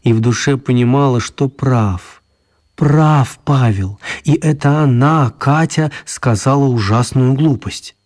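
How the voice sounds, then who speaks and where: Slow and lightly acted, this male storyteller narrates a scripted children's story in a mid-range voice with a darkish tone, carrying a storytelling mood.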